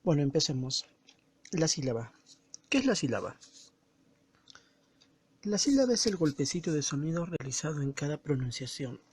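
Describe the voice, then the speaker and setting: A male teacher giving a slow, didactic recorded lesson, stressing words and syllables as he explains them. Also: a little high, animated, a little mellow, slightly rough, no room sound.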